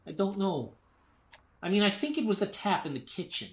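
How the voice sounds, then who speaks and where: In a radio play, an actor portrays a tense writer and father who is coming apart, agitated and irritable as he haltingly repeats himself. His voice sits high and sing-song, with an uneasy, defensive mood.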